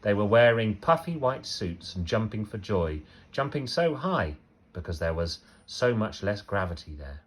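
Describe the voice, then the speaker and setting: A man reading a children's story aloud like a teacher, expressively, with emphatic phrasing and pauses for effect. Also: fairly low pitch, sing-song, husky.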